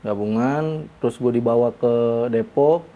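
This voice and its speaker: A man from Bogor answers as an interview guest. He tells his story in halting bits and fills the gaps with hesitations. His voice is dark and mellow, at a middle pitch. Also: muffled recording. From Bogor, Indonesia. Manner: halting, many pauses and fillers.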